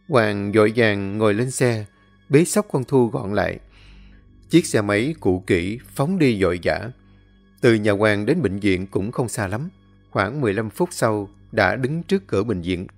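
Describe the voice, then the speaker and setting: A man's voice: lowish voice, animated, unhurried, soft background music. A man narrating a dramatic story expressively, acting out the scenes.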